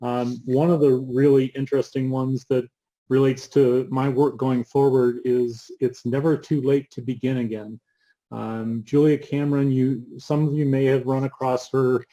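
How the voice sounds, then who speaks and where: A man co-hosting a casual book show, halting and full of ums, with dry asides. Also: medium pitch, little pitch movement, warm tone, lo-fi sound. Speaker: co-host. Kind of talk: casual chat about books.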